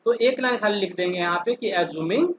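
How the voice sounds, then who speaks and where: A man's voice: sits high, muffled recording. A man teaching an online engineering class, working through each step and keeping the students involved with frequent questions. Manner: slow, stepwise, keeps asking students questions. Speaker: polytechnic lecturer.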